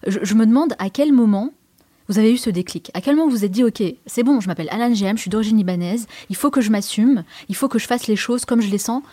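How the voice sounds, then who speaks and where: A woman's voice: on the high side, fast talker, mellow, slightly rough, no room sound. A woman hosting an interview, asking enthusiastic, leading questions. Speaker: interviewer, host.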